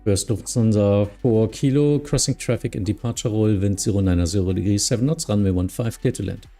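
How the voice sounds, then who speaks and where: A man streaming as an air traffic controller, mixing procedural clearances with casual chat. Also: lowish voice, a little fast, warm tone, soft background music.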